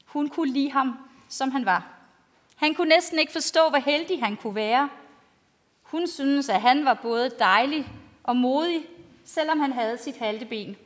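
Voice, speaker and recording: A woman pastor giving a storytelling sermon to a congregation in simple, plainly spoken language. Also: high-pitched. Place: large reverberant church, speaking to a congregation. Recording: long church-like hall reverb.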